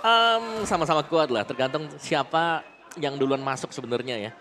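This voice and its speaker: A man's voice: fairly high pitch, lively intonation, moderate pace. A man giving explanatory, analytical esports caster commentary on a live match. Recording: loud music behind commentary. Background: music.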